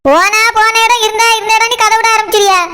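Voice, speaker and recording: A woman's voice: very high-pitched, flat delivery, fast talker, bright, forceful tone. A woman voicing a stubborn village mother with a Tirunelveli Tamil accent, in a cartoon. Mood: insistent.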